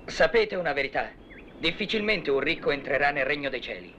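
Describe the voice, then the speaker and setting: Brief: direct, bright-toned follower in a 1970s film drama. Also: male voice, fairly high pitch, lively intonation, a little fast, a little hiss or hum. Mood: pointed.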